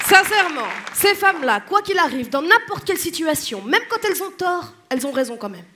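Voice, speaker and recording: A woman's voice: very high-pitched, very animated, fairly quick, over a noisy crowd. A woman from Tunisia performing a stand-up comedy set, playful and slipping into mimicked voices. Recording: live stage with loud audience laughter and noise.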